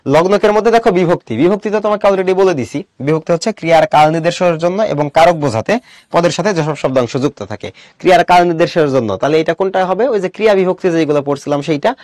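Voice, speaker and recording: A young man teaches an online class, walking through each point and asking his students questions. His voice sits a little high for a man. The sound is dry and close, with no room echo. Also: quick pace, a little mellow. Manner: explains step by step, asks questions to the class.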